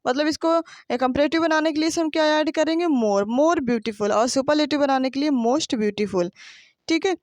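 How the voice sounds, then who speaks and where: High-voiced woman teaching grammar. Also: dry recording. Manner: explains patiently with rhetorical questions and frequent checks for understanding. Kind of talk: classroom grammar lesson.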